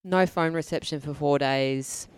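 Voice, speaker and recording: A woman's voice: low voice, measured pace, darkish tone, clear, resonant tone, no room sound, studio quality. An Australian woman hosting a casual sports chat podcast. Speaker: podcast host.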